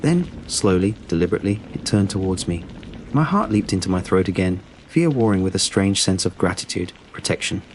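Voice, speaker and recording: A man reading a scripted horror story in a steady, measured storytelling delivery. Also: deep voice, a little hiss or hum, poor audio. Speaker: narrator.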